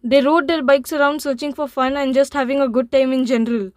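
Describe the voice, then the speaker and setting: A woman hosting an anime channel, reading a scripted manga summary, halting, with frequent fillers and restarts. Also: sits high, fairly even intonation, no room sound.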